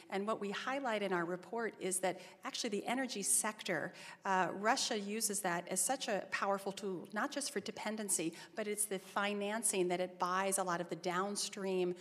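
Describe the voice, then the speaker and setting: A woman giving formal testimony as an expert witness, measured and deferential, stressing her key points. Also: mid-range voice, a bit bright. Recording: reverberant hearing hall.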